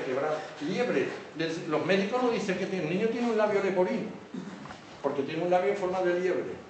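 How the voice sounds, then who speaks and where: A man giving a public lecture as a teacher, explaining examples and often checking in with his listeners. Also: a little high. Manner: keeps checking in with the audience. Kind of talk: public lecture on word origins. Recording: echoey hall from far off, faint noise.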